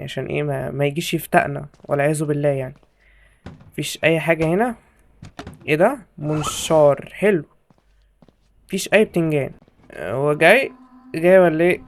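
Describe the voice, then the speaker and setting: A young man with an Egyptian Arabic accent giving jokey, excitable horror game commentary to his viewers from a home setup. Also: on the high side. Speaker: gaming YouTuber.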